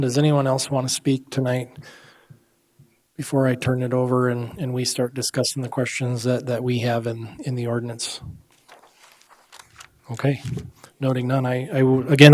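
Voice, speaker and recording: A man with an American accent moderates a public meeting in a polite, procedural and somewhat halting way. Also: medium pitch, warm tone. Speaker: meeting chair.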